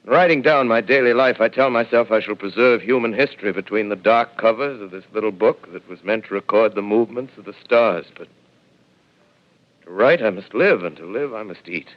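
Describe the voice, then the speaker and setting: Deep-voiced, grave survivor professor; 1930s AM radio play, muffled broadcast. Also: male voice. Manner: grave, measured, reflective. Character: lone male professor surviving an alien invasion, shaken and weary. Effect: old AM radio broadcast sound. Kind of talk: 1930s radio drama narration.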